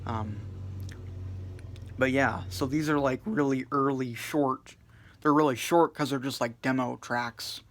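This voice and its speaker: A man giving a casual music review in a subdued, flat way, full of hesitations and fillers. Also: mid-range voice, measured pace. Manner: hesitant, many fillers and restarts.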